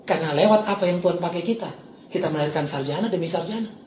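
A middle-aged man preaching a sermon as a pastor, animated, swinging between loud exclamations and quiet asides and laughing often. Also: high-pitched, quick pace, slight background noise. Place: church hall. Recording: echoey church hall.

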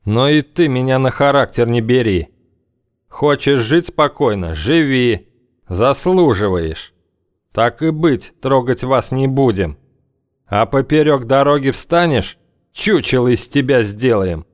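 A man voicing a hard, sinister gang leader who warns slowly and ominously, using thieves' slang. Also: medium pitch, lively intonation, dry recording, studio quality, pitched above the performer's own voice, natural voice. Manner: slow, ominous, heavy with slang.

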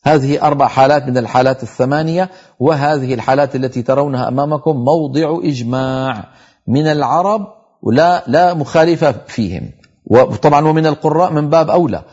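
A middle-aged man teaching tajweed on a televised lesson, explaining each rule and reciting the example words slowly. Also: mid-range voice, a little mellow, slightly rough, muffled recording.

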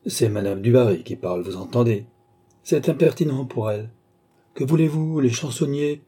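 A man's voice: medium pitch, normal speed, dark tone, breathy edge, close to an everyday voice. A man voicing a courtly, sly old male duke who teases with mock politeness. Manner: gallant, teasing, mock-polite.

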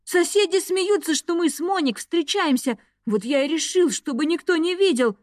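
A woman's voice: extremely high pitch, lively intonation, normal speed, a little mellow, no echo, studio quality, voice pushed up. A woman voicing a frightened young male student who wails and pleads. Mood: panicked wailing. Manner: wailing, pleading. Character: panicky young male student caught climbing in.

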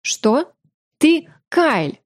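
A woman voicing a bashful but defiant young female mage in an audiobook, raising her voice higher and protesting in a flustered way. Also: very animated, very slow, dry recording, exaggerated voice.

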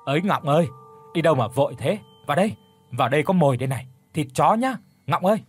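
A man's voice: fairly high pitch, expressive, brisk, husky, soft background music. A man voicing a sly, scheming young male villager in an audio story, coaxing and wheedling. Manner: wheedling, coaxing, feigns alarm.

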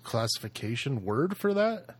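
A man's voice: mid-range voice, big pitch swings, moderate pace, breathy edge. A man co-hosting a podcast in casual chat, mostly asking short questions. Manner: asks short, questioning replies. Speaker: podcast co-host.

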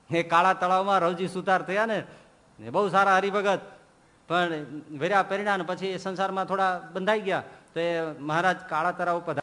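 A male preacher giving an animated sermon, quoting verses and acting out stories as he goes. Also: sits high. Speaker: religious preacher. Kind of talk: sermon with storytelling.

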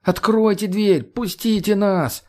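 Man voicing a young guy pretending to panic, high wailing begging voice, audiobook. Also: slow, mellow. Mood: pleading, wailing. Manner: wailing, desperate pleading. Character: young man faking panic, pleading at a window.

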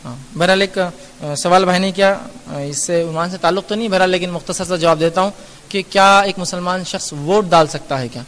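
Man, religious lecture Q&A, high voice, earnest and admonishing, long echo of a hall. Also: a bit bright. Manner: earnest, admonishing, explains with everyday examples. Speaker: Islamic lecturer answering audience questions.

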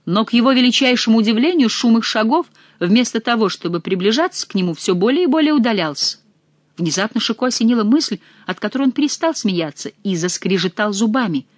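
A woman narrating a novel in a measured, expressive reading. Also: a little high, no room sound. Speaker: audiobook reader. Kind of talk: scripted narration.

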